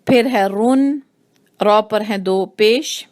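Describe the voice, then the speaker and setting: A woman teaching Quran recitation rules, explaining slowly and repeating each sound to demonstrate it. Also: mid-range voice, darkish tone. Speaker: tajweed teacher. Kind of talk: patient recitation lesson.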